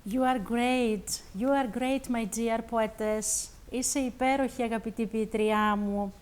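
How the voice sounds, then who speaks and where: A woman's voice: fairly high pitch, fairly even intonation. A woman TV host with a Greek accent, interviewing a poet and reciting poetry, speaking in an emphatic, effusive way. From Greece. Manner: warm, emphatic, switches between Greek and English.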